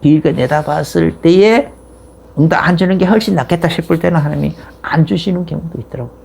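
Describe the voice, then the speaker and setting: A man's voice: fairly high pitch, quick pace, vocal fry, darkish tone, slight background noise. A middle-aged man, a pastor, giving a sermon in a conversational, rambling storytelling way with frequent restarts.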